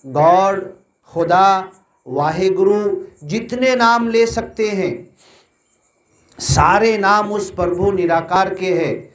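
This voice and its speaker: A man preaching a devotional sermon to a seated congregation, repeating phrases for emphasis. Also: sits high. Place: large hall with an audience. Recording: echoey hall.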